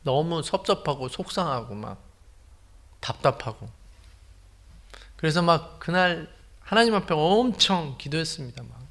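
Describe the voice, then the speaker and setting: A male pastor delivers a Sunday sermon in a slightly higher-than-usual voice. He tells his story in a soft, confiding tone, then his voice swells into loud, emphatic preaching. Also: expressive, measured pace, creaky, long pauses.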